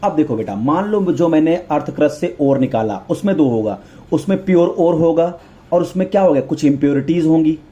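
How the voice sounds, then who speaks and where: Man, chemistry teacher, exam-prep lecture, repeats terms and memory tricks, very dark mellow voice, dull lo-fi sound. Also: on the high side, expressive, fairly quick. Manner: repeats terms and mnemonics, addresses students as beta.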